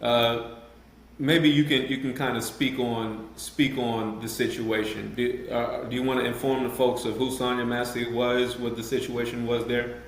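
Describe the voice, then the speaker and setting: A man's voice: medium pitch, flat delivery, normal speed, a little hiss or hum. A man hosting a casual podcast discussion, speaking earnestly and building emphasis as he makes his point. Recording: roomy echo.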